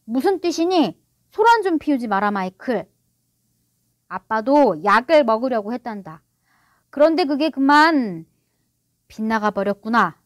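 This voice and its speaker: A woman's voice: fairly high pitch, lively intonation, unhurried, no echo, clean studio sound. Mr. Darling, a woman doing a sulky, proud father. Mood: indignant. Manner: blustering and defensive. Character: proud, sulky middle-aged father, easily offended.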